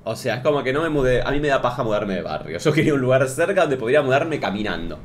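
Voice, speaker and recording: A man's voice: mid-range voice, sing-song, fast, slight background noise. A man with an Argentine accent, ranting to camera as a comedy youtuber in a sarcastic, exaggerated way. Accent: Argentine Spanish.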